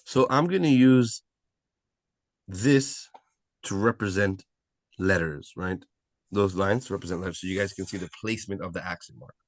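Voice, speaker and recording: A man with a low voice teaches an introductory language class live online at a moderate pace, pausing often. He breaks things down step by step, repeats key ideas, and checks comprehension with a frequent "right?", with no echo in the recording.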